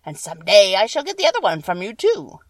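A woman voicing a wicked, cunning old witch in a storybook, with shrill, wailing, theatrical drawn-out delivery. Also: huge pitch swings, no room sound, studio quality, recorded from a distance. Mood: gloating, defiant.

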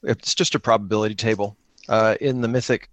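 A man hosts an improvised solo-engine tabletop roleplaying game he is also playing, thinking aloud in casual chat and answering his own questions. His fairly low, fairly bright voice stays fairly even and a little fast, with no echo.

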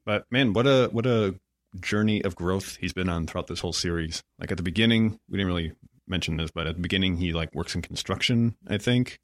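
Deep-voiced thoughtful man, close and dry. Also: brisk, no room sound. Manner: thoughtful, hesitant phrasing. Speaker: podcast co-host. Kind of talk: casual chat.

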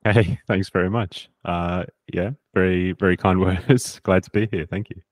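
A man's voice: sits low, steady tone, unhurried, no echo. A man in his thirties, born in South Africa and raised in Australia, talking casually as a fitness coach guest. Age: 30s. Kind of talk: casual interview.

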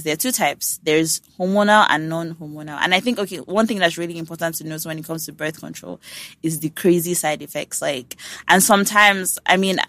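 Low-voiced woman podcast host. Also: fairly bright tone, no echo. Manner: frank, blunt and swears freely. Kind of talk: casual podcast chat.

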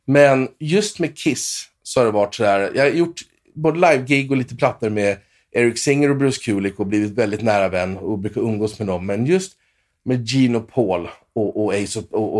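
This Swedish guitarist in his fifties tells stories during an interview, restarting often and using lots of fillers. His voice sits on the low side with a somewhat dark tone.

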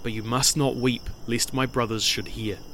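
A man voicing a proud young male hero who speaks low, hushed and firm, in a storybook retelling. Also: fairly even intonation, moderate pace, slight background noise, close to an everyday voice.

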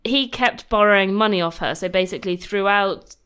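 A woman's voice: medium pitch, a little fast, fairly bright tone, smooth. A woman, co-hosting a podcast and casually retelling a historical life story while laughing easily. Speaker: podcast co-host.

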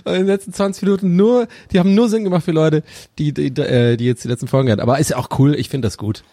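A man's voice: a little high, very fast, dark tone, dry recording. A young man co-hosting a podcast, chatting casually with rambling, mock-complaining jokes. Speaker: podcast co-host. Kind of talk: casual comedic banter.

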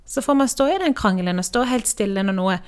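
A woman from Norway co-hosting a podcast, telling personal stories in a candid, animated way. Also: medium pitch, smooth. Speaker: podcast co-host. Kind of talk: casual podcast conversation.

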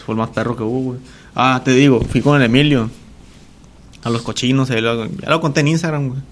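A man's voice: medium pitch, fast, a little hiss or hum. Young Mexican man with crude teasing banter. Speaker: podcast co-host. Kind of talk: casual chat among friends.

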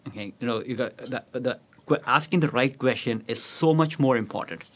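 A man's voice: medium pitch, a little fast, fairly bright tone. A man speaking as a panelist, emphatic and often checking in with "okay". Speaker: panelist on travel industry. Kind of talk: panel discussion.

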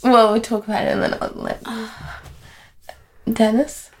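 A woman's voice: on the high side, sing-song, measured pace, creaky, a little hiss or hum. A young woman hosting a casual chat, teasing her friends and steering the talk with questions. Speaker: podcast host.

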